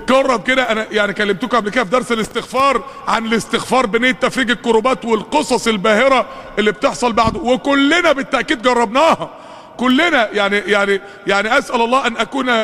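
Man, Egyptian accent, fervent sermon, quick delivery, long reverb of a mosque hall. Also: very high voice, sharp tone. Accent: Egyptian Arabic. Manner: fervent, rhetorical questions, calls to the congregation. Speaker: preacher.

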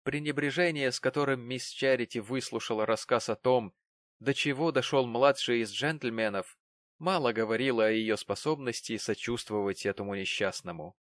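A man reading a classic novel aloud in a measured, expressive narration. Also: mid-range voice, dry recording. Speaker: audiobook narrator. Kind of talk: scripted literary narration.

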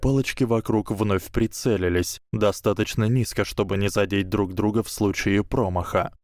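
A man narrates an audiobook with a fairly low voice in a steady, measured read. The sound is dry and close, with no room in it. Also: no room sound.

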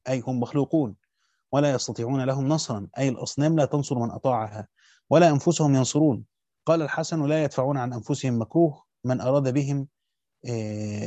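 A man with an Egyptian accent who teaches by reading a classical commentary quickly aloud and stopping to add casual spoken remarks. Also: mid-range voice, mellow, no echo, muffled recording. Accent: Egyptian Arabic. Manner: reads classical Arabic quickly, then breaks into colloquial comments. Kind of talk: fast reading of a classical text with spoken asides.

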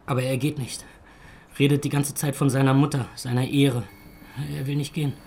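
An actor playing a shaken young man who speaks haltingly and quietly in a radio play. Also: mid-range voice, flat delivery, heavy background noise, natural voice.

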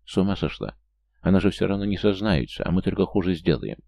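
A man's voice: low-pitched, very animated, fast, vocal fry, mellow, dry recording, full character voice. A man doing a despairing young mother. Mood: urgent. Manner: anxious, pleading, tearful. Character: desperate young single mother, tearful and frightened.

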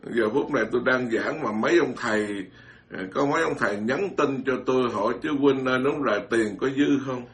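A man's voice: medium pitch, fairly quick. A man, a Buddhist monk giving an informal dharma talk, blunt and scolding, mocking others and stammering through repeated words.

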